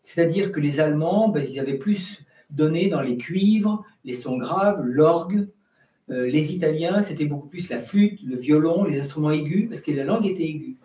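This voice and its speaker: A man's voice: on the high side, animated, moderate pace, warm tone. A middle-aged man, an Orthodox priest giving an unscripted catechesis talk, full of restarts and sung-out example syllables. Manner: many restarts and fillers, sings out syllables as examples. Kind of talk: spontaneous teaching talk. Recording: roomy sound from a distance.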